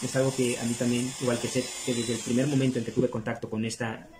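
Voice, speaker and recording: A man's voice: medium pitch, flat delivery, quick pace. A middle-aged man, hosting a video and explaining things casually to viewers. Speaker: video host. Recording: clear background noise.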